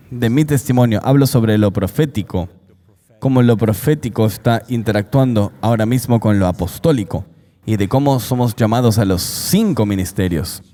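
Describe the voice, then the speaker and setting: An earnest man recounts a personal testimony with emphatic, storytelling delivery. His voice is warm and mellow at an average pitch. A long, hall-like reverb trails behind every phrase. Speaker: guest giving a testimony. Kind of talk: dubbed interview testimony.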